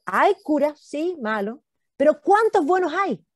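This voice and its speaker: A Chilean woman historian giving an animated talk, emphatic and insistent, repeating words for effect. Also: sits high, measured pace, no room sound, studio quality.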